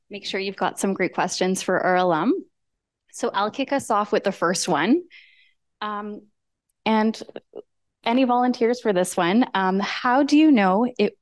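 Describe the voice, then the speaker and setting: A woman's voice: mid-range voice, no room sound. A woman moderates a live alumni panel, putting questions to the guests in a friendly way. She talks with plenty of fillers and restarts. The sound is dry and close. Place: large university lecture hall.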